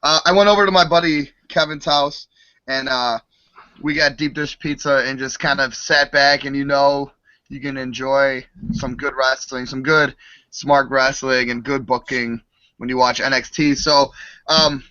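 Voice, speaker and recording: A man's voice: mid-range voice, fairly even intonation, a little slow, bright, forceful tone, no echo, highs cut off. A man on a podcast panel telling casual personal anecdotes in a conversational way.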